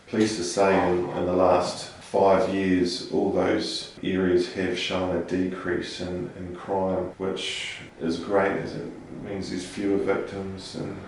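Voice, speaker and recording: A man in his thirties with a New Zealand accent speaks in a low, flat, gravelly voice. He answers interview questions steadily with frequent ums. The recording sounds very echoey, as if the mic sits across a bare room. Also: far from the mic, slight background noise. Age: 30s. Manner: measured, with frequent ums and restarts. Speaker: police sergeant.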